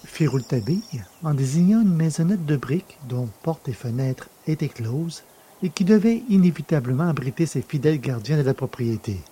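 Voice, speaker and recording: Male narrator, first-person storytelling, measured, husky, slightly raised pitch. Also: lively intonation, dark tone.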